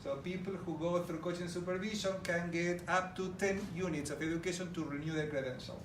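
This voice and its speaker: Speaking with a high-sitting voice, a steady tone, and a fairly quick pace, a middle-aged Argentine presenter enthusiastically addresses the crowd directly. His Argentine Spanish accent fills a large room with an audience, recorded distantly and roomily amid background noise.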